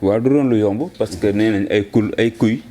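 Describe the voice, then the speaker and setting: A man, arguing political points quickly in a discussion, mixing in French. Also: on the low side, mellow, a little hiss or hum. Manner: fast, argumentative, mixes French into Wolof. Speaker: political commentator.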